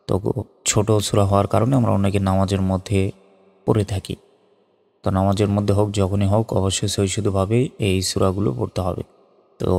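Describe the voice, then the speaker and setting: A man's voice: lowish voice, vocal fry, a little mellow. A man teaching Quran recitation, patiently spelling out Arabic letters syllable by syllable. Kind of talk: instructional recitation lesson. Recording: long reverb with faint background music.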